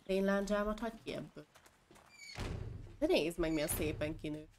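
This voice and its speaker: A woman chatting casually with friends while playing a survival game, quick to react and playfully complaining. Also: lowish voice, darkish tone, a little hiss or hum. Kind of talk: casual gaming chat.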